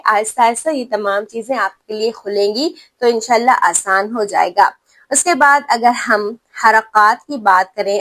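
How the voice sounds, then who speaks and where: A woman's voice: a little high, fairly bright tone. Patient woman teaching with a Pakistani accent. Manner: patient, demonstrates sounds slowly and repeatedly; checks in with the listener often. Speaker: Quran recitation teacher. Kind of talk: step-by-step tajweed lesson.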